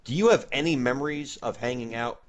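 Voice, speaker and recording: A man's voice: medium pitch, brisk. A man hosting a comedy sketch, talking in an emphatic, mock-indignant way. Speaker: comedy show host.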